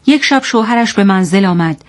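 A woman presenting scripted literary commentary in a clear, didactic manner, and narrating a story. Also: mid-range voice, lively intonation.

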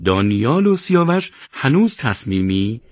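Brief: male narrator for a radio novel, lively intonation, dry close sound. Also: mid-range voice, no echo. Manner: measured storytelling, does all character voices.

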